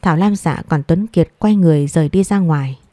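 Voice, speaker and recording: A woman narrating a romance audiobook in an even, steady reading voice. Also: fairly low pitch, a little fast, no room sound.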